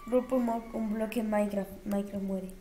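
A woman's voice: mid-range voice, fairly even intonation, normal speed, background noise. A young woman, chatting casually as she talks herself through editing block textures, with flustered exclamations. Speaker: YouTuber.

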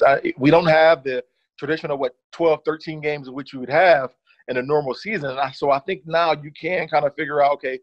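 A former running back in his thirties casually breaks down game film as a guest, relaxed and leaning often on "certainly" and "uh." His voice is fairly high. The sound comes over a video call, dull and dry with no room sound.

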